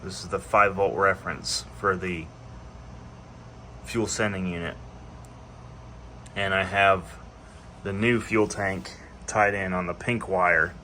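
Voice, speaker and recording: Low-voiced man explaining van repairs. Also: steady tone, takes it slowly, long pauses, sharp tone, a little hiss or hum. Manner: plain, practical, explaining step by step. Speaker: DIY van builder. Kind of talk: casual how-to narration.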